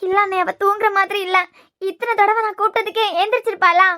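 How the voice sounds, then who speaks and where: A woman doing a shrill, melodramatic young man. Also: flat delivery, fast talker, sharp tone. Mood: fretting. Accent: Kanyakumari Tamil. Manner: wailing, melodramatic. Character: overwrought young man fussing over his friend. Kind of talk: cartoon web series voice acting.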